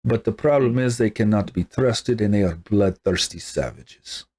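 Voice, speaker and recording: A man's voice: on the low side, normal speed, darkish tone, husky. A man doing a wary jungle guide in broken speech. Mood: serious. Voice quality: broken, clipped grammar.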